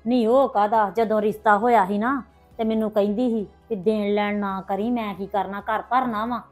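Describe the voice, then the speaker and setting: A woman's voice: mid-range voice, steady tone, moderate pace, darkish tone, soft background music, natural voice. A middle-aged woman playing a worried mother who visits her sister-in-law and pleads anxiously for help, in a family drama. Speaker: character in a family drama vlog. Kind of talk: hobby village family drama.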